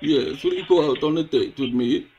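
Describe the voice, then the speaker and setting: A man playing a goofy, lecherous Count Dracula in a hammy way on a prank phone call, with a gravelly, husky voice. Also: on the high side, crowd noise, lightly acted. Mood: eager, goofy. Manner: slow, hammy, chanting nonsense syllables.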